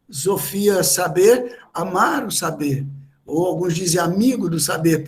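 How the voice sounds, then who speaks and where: A Brazilian man with a Brazilian Portuguese accent preaches at a church meeting, his voice sitting high for a man. He teaches patiently, stopping to explain each word. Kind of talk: sermon.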